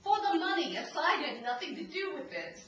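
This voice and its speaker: A woman's voice: high-pitched, very animated, fairly quick, fairly bright tone, dull audio. A woman playing a vain, needy actress who speaks dramatically, recorded live on a theater stage. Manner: dramatic, wheedling. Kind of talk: live stage comedy acting. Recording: very echoey noisy stage from far off.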